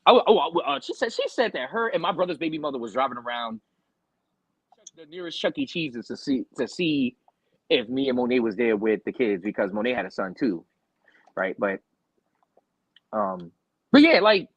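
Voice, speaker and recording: A young man hosting a podcast, telling a story in a loud, profane rant and acting out what people said. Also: medium pitch, normal speed, pauses often, slightly rough, dry recording, low-quality recording. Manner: animated, profane, loud outbursts acting out quotes. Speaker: podcast host.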